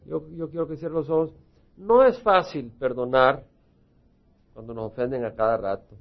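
A pastor preaching a sermon, swinging between loud emphatic bursts and soft, quiet calls to prayer. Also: male voice, medium pitch, normal speed, muffled recording.

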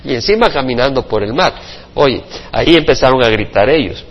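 A male pastor preaching a Bible study sermon to a congregation, expressive, with playful sound effects and acted quotes. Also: mid-range voice, fairly quick, slightly rough. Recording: muffled reverberant church recording.

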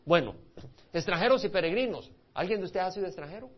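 This pastor from El Salvador talks fast in a high, slightly rough voice with lively intonation and a Salvadoran Spanish accent. He teaches a conversational Bible study, quizzing his listeners and restarting words, on a dull lo-fi recording.

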